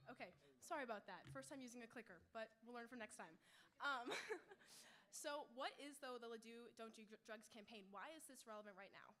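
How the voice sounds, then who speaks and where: A woman's voice: fairly high pitch, sharp tone. A young woman in her late teens giving an informal public presentation as a student. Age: teens, high school senior.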